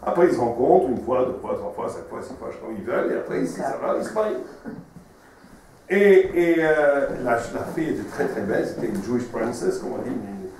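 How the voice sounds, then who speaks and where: A man, a rabbi, telling stories in a sermon, an expressive storyteller who repeats his words. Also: mid-range voice, a little fast, a little hiss or hum. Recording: very echoey room, mic far off.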